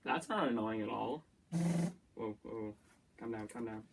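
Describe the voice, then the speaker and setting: A young man chatting to himself as a YouTuber, easily excited and joking while he builds and plays. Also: fairly low pitch, normal speed, creaky, very noisy. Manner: chatty self-talk, easily excited, jokey. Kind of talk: casual build-and-play commentary.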